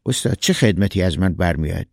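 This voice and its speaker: A man's voice: deep voice, lively intonation, gravelly, no echo, clean studio sound. A man voicing a polite, fussing middle-aged male neighbor in a read-aloud story. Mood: puzzled. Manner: courteous, fussing, quick to reassure.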